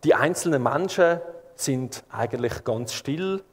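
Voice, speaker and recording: A man with a Swiss German accent preaching a sermon to his congregation, calm and measured, painting scenes vividly as he speaks. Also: mid-range voice, big-room sound.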